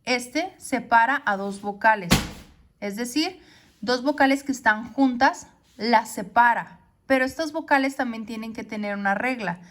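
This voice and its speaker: A woman teaching a poetry lesson. She explains step by step and often checks with a quick question. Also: a little high, a bit bright, slight background noise.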